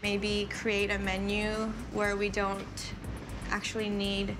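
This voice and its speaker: A young woman who owns a small café speaks earnestly and softly about her business. Her voice sits at an ordinary pitch. Music plays underneath. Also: monotone, slow pace, rough recording. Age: young adult. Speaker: restaurant owner. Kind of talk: casual interview chat. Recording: music bed under the talk.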